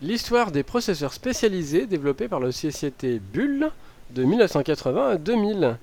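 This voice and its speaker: A man's voice: a little high, sing-song, normal speed, a little mellow. A man co-hosting a radio show, presenting listings in a casual way.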